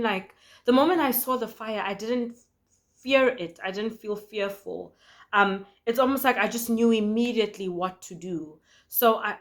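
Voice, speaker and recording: Woman, ministry host, earnest, conversational, telling a dream, mid-pitched voice. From South Africa. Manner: earnest, conversational, with frequent fillers and restarts. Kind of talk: sharing a prophetic dream.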